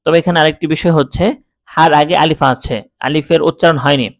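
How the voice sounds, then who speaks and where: A Bangladeshi man teaching Quran reading, slowly spelling out letters and repeating each word clearly. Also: a little high, steady tone, no echo. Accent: Bangladeshi Bengali. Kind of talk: step-by-step recitation lesson.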